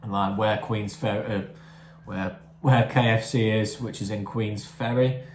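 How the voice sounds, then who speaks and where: A man with a fairly low voice chats his way through a takeaway review in a relaxed, offhand vlog style. He talks while eating now and then. The sound bounces around an echoey room. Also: unhurried, slight background noise. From England, near Chester. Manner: chatty, relaxed, talking with his mouth full. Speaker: food review vlogger. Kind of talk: casual food review vlog.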